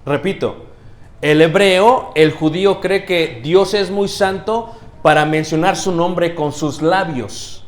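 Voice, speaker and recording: A preacher checking in with his congregation. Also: fairly high pitch. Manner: checks in with the congregation, asking questions and saying "¿ok?"; slow, stressed delivery of key words. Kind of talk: teaching sermon. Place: church.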